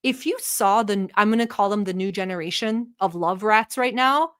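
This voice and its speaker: This livestream host from Turkey has a smooth, somewhat bright voice of medium pitch and speaks at a moderate pace. Talking to her chat as she watches a video, she mocks it bluntly and swears freely.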